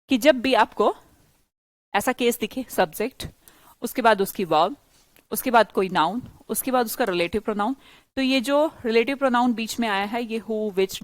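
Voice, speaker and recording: A woman from India teaching an English grammar class live, explaining lively and teasing her students with quick questions. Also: a little high, no room sound.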